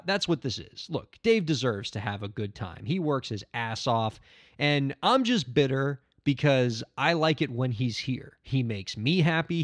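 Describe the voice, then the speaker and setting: A man's voice: mid-range voice, no echo, clean studio sound. A man in his thirties hosting a podcast on his own, chatting casually and rambling in a self-mocking way. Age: 30s. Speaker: podcast host. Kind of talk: casual solo podcast talk.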